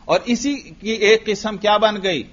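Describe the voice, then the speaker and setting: Urdu-accented man teaching, high voice. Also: fairly bright tone, dull audio. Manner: explains step by step with rhetorical questions. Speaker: teacher of Arabic grammar. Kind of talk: classroom lecture.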